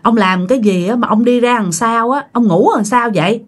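A woman's voice: fairly high pitch, moderate pace, natural voice. A woman voicing a fretful older village mother who frets and nags in a told ghost story. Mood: scolding. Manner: fretful, nagging.

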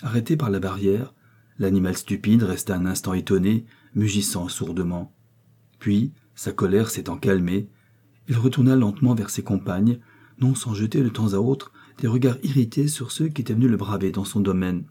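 A man reading a classic novel aloud in a measured narrating voice. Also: on the low side, mellow, breathy edge. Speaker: audiobook reader. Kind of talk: literary audiobook narration.

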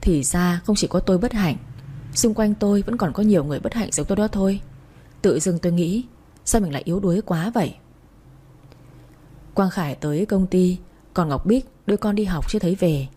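A woman's voice: lowish voice, a little fast, long pauses, dark tone, husky. A woman narrating a sorrowful first-person audiobook story in a reflective way.

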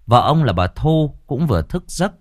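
A man narrating a ghost story in a measured, expressive storytelling manner. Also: mid-range voice, dry recording, studio quality.

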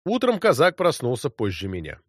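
A man reading a literary story as an audiobook, in an expressive narrating voice. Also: medium pitch, a little fast, no room sound, clean studio sound.

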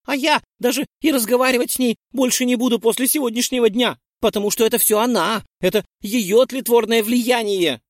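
A man voicing an excitable teenage girl vehemently blaming a friend. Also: a little fast, hardly any pauses, no echo. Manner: shrill, vehement. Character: excitable teenage girl, quick to blame others.

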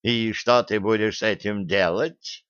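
A cheeky little gnome hologram girl, put on by a man reading an audiobook, gossipy and gleeful, pitched somewhat higher than the narrator. Her voice comes out smooth and clear. The recording is dry and a touch dull. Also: steady tone, unhurried, a bit bright, dry recording. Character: cheeky female gnome hologram, ship's program.

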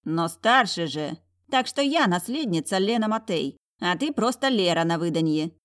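A woman voicing a spiteful, haughty young noblewoman in a storybook, with a shrill, sneering voice. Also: animated, normal speed, lightly acted.

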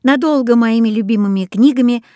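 Woman, audiobook reader, first-person storytelling, fairly high voice, dry close recording. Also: brisk, warm tone, dry recording. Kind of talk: scripted first-person narration.

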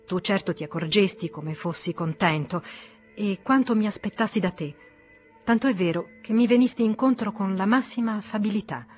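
A woman's voice: medium pitch, breathy edge, close to an everyday voice. A woman reading the part of an agitated, worldly middle-aged man who reproaches an old friend, in an audiobook. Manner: reproachful, emotionally charged.

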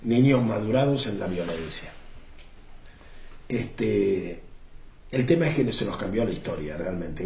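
A man in his seventies with an Argentine Rioplatense accent, recounting political history in a reflective, unhurried way, often pausing on filler words. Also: lowish voice, mellow. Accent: Argentine Rioplatense Spanish. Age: 70s. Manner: reflective, unhurried storytelling with frequent "este" fillers. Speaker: interviewee. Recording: roomy with faint background noise.

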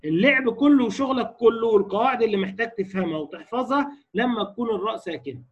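A man with an Egyptian Arabic accent, teaching a tajweed lesson in a casual spoken style, explaining rules and then reciting example verses slowly, repeating each one. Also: sits high, husky. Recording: dull lo-fi recording.

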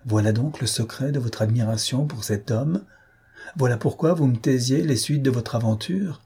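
A man voicing a jealous, furious young marquis who shouts in rage and scorn. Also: medium pitch, normal speed, husky.

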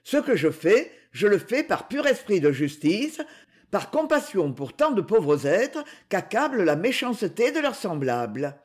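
A reader voicing a stern, courteous brigand king who speaks gravely and with conviction. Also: sits high, big pitch swings, measured pace, full character voice. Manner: cool, courteous, solemn.

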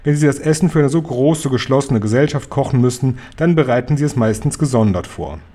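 A man reading the lines of a loving, clever old grandmother in an audiobook, in a calm, careful way. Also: medium pitch, a little fast, natural voice.

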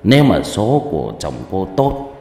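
Brief: male narrator as a solemn old fortune teller, low murmuring voice, long room reverb. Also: big pitch swings, unhurried, darkish tone, heavily acted. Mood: grim. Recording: echoey room, faint music.

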